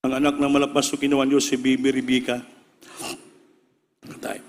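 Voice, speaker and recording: A male preacher telling a story in a sermon, acting out the voices of the people in it and rising to shouts. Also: mid-range voice, completely flat delivery, moderate pace, in a large hall.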